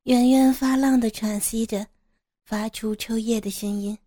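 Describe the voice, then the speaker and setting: A woman narrating an erotic audio story in a slow, even reading voice. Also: a little high, no echo, clean studio sound.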